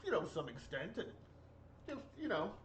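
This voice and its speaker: A man's voice: sits high, very animated, moderate pace. A man in his forties co-hosting a casual podcast chat, hesitant and full of fillers. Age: 40s. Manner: hesitant, many fillers and restarts. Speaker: podcast co-host. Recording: distant echoey muffled mic with faint hiss.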